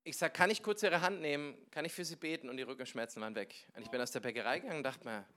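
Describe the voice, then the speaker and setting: A man preaching a sermon, telling personal stories with lively, animated delivery and acting out conversations with sudden loud bursts. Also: mid-range voice, racing. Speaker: pastor.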